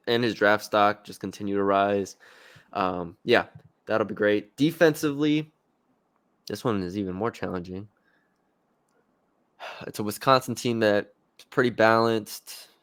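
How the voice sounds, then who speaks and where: A man's voice: on the low side, fairly bright tone, smooth, no room sound, studio quality. A man co-hosting a sports podcast, chatting casually about football picks with fillers and restarts. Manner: conversational, hesitant with fillers and restarts.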